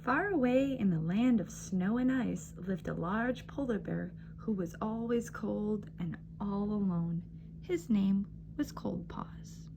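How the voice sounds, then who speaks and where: Working as a library storyteller, a woman reads picture books to young children in an animated style, speaking simply and encouragingly. Her pitch is medium, and the background is noisy.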